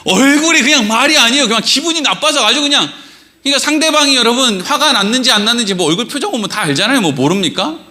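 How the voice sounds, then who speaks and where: A middle-aged male pastor giving a lively, conversational sermon in a church, full of rhetorical questions and acted-out quotes. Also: extremely high pitch, quick pace. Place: church sanctuary.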